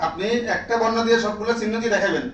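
A man's voice: sits high, rapid-fire, echoey room, far from the mic, highs cut off, slight background noise. A man training teachers in a classroom lecture, drilling the room with repeated questions and prodding listeners to answer.

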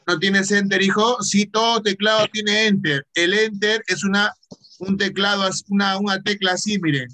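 A man's voice: sits high, fairly even intonation, moderate pace, sharp tone. A male teacher with a Peruvian Spanish accent giving a patient online computer lesson, asking questions and then answering them himself.

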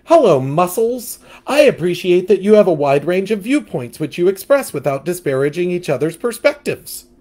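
Man doing young storybook fish, male, naive, eager, high-pitched, excited. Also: normal speed, few pauses.

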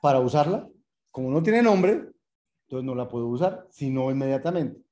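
This male programming lecturer sounds very dark-voiced yet animated, at medium pitch and a moderate pace. Thinking aloud as he codes live, he explains patiently and repetitively, addressing students formally and posing rhetorical check-ins.

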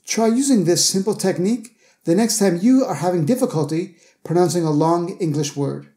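A man teaching English pronunciation in a scripted lesson, with a mellow, warm tone. He breaks words down slowly, enunciating each syllable with care. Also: high voice. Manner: slow, careful enunciation of example words.

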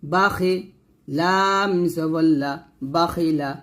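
Brief: Bangladeshi man, Quran reading teacher, very slow, patient letter-by-letter spelling drill. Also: a little high, a bit bright. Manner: spells each letter with its vowel mark, then blends the syllables. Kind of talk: slow spelled-out recitation lesson.

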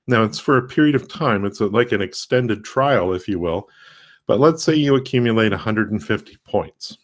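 Low-voiced man rambling on a livestream. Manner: rambling, halting, many fillers and restarts. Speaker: host of a tutorial livestream. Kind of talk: casual livestream talk. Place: home desk with a laptop.

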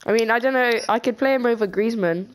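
A woman giving casual pack-opening commentary, excitable and quick to get nervous. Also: a little high. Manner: excitable, easily scared. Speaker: gaming channel co-host.

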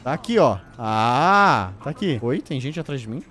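A young man giving casual gameplay commentary, swearing often and shouting in outrage before dropping to a mutter. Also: medium pitch, sing-song, normal speed. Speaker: gameplay streamer.

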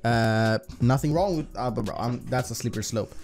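A man's voice: mid-range voice, a little fast, darkish tone. A man giving casual gambling commentary to his viewers as a slots streamer, in profane, slangy bro talk. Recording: music behind the voice.

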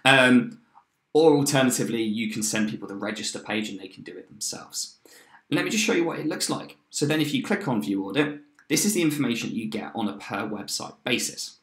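A man in his thirties giving an upbeat, chatty screen-share walkthrough of a software tool, with fillers and quick restarts. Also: mid-range voice, lively intonation. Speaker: software demo presenter. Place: indoor room, webcam in corner of screen share. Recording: roomy echo.

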